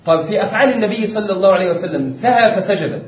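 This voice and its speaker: Egyptian male lecturer, high voice, classroom lesson from a distant dull mic with light hiss. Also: expressive, rapid-fire. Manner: explains step by step, asks the class rhetorical checks. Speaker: teacher of Islamic jurisprudence. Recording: echoey room, distant lo-fi mic with faint noise.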